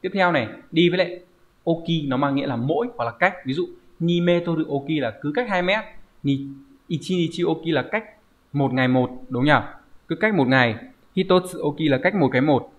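A man's voice: a little high, fairly quick. A man teaching a Japanese vocabulary lesson online, explaining step by step and often checking with "right?". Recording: dull lo-fi recording.

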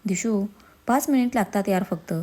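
A woman's voice: medium pitch, moderate pace, warm tone, lightly acted. A woman voicing an irritable, overworked young husband in a storybook reading. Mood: whiny. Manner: curt, exasperated, then coaxing.

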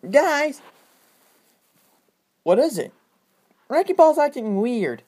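A woman's voice: sits high, very animated, slow pace, warm tone. A woman performing a home-made toy story, switching between many character voices.

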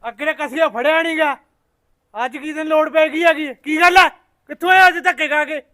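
A man putting on a hot-tempered old village father with a high, forceful, barking voice. He fires off scolding questions in a dry, close sound. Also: fairly even intonation, moderate pace, no room sound. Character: gruff older village father, short-tempered.

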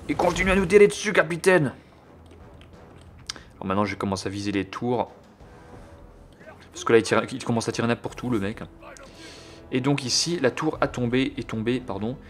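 A man's voice: mid-range voice, a little fast, pauses often. A young man casually commentating his strategy game, crude and joking while thinking aloud. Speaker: gameplay commentator. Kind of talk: casual let's-play commentary.

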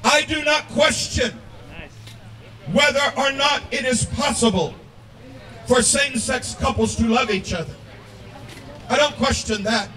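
A man preaching at an outdoor rally, delivering his sermon in a shouting, declamatory way. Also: extremely high pitch, a little slow, long pauses. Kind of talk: open-air sermon. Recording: echoey and distant through a crowd.

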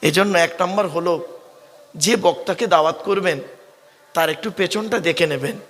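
High, bright-voiced preacher with a fatherly tone. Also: moderate pace, long reverb tail. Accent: South 24 Parganas Bengali. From West Bengal, India. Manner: fatherly, coaxing, often calls listeners "bap" and asks them to answer back. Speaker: preacher at an Islamic gathering. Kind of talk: sermon.

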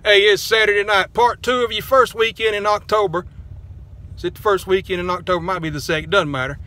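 A man's voice: sits high, fairly even intonation, fairly quick, bright, forceful tone. A man, vlogging from a parked car in a rambling, joking, self-deprecating way on a phone held close. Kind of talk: casual car vlog.

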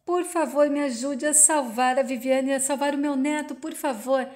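A woman's voice: high-pitched, steady tone, moderate pace, darkish tone, close to an everyday voice. A woman reading the lines of a weeping older father who begs for help. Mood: pleading. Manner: pleading, breaking into sobs. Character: grief-stricken older father pleading in tears, man.

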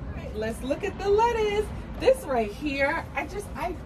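Calling her viewers "guys," a cooking and gardening vlogger chats casually to camera about her patio garden and kitchen, moving from an outdoor high-rise patio to her home kitchen. Her voice is extremely high and very animated, though her pace stays measured. The sound is noisy and echoey, picked up by a distant mic.

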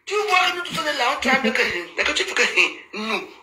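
A woman holds forth on a phone live stream, mocking and lecturing in turn and often laughing. Her voice is very bright and cutting. The room gives a clear echo, with faint noise behind. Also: high-pitched, very animated, moderate pace. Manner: teasing, mocking, laughs often, scolding asides. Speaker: social media commentator. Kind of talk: casual Facebook live commentary.

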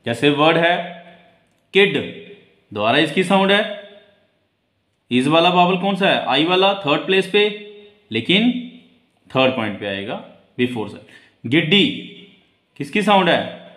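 A man teaching a shorthand class who calls out each word in a high voice, then explains it in a low voice. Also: animated, slow, pauses often, a bit bright, echoey room. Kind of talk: classroom lesson.

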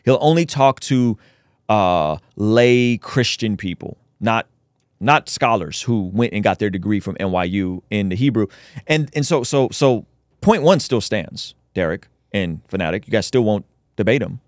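A man's voice: lowish voice, lively intonation, measured pace, no echo, clean studio sound. A man hosting a podcast, making a casual, argumentative rebuttal with frequent restarts. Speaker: podcast host.

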